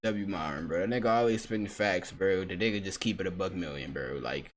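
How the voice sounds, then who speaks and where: Low-voiced man ranting in reaction commentary. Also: brisk, a little hiss or hum. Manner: blunt, profane, says "bro" constantly. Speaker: reaction streamer.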